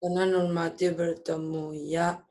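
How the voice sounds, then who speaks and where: Flat, slow, hesitant young student. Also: medium pitch. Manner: hesitant, short answers, self-correcting. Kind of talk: answering a teacher's quiz.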